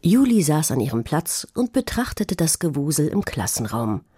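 A woman narrating a children's audio story in a scripted, expressive storytelling manner. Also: sits low, moderate pace, over loud music.

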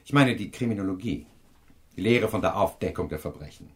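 A male actor with a deep, expressive voice plays a pompous, self-assured professor and amateur detective in a radio crime drama. He lectures pedantically at a slightly fast pace.

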